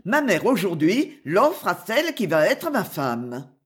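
A reader voicing a proud, scornful young man in an audiobook, speaking gravely and with dignity. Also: mid-range voice, huge pitch swings, measured pace. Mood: tender. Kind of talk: audiobook character voice.

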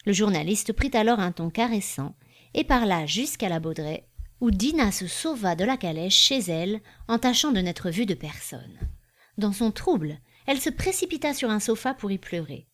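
A woman's voice: medium pitch, big pitch swings, moderate pace. Woman reading a classic novel aloud. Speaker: audiobook reader. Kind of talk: scripted narration of a classic novel.

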